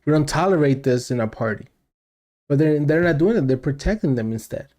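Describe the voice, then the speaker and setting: A man's voice: fairly high pitch, lively intonation, brisk, a little mellow. Blunt, ranting man hosting a stream. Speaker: livestream host reacting to news clips. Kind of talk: casual reaction commentary.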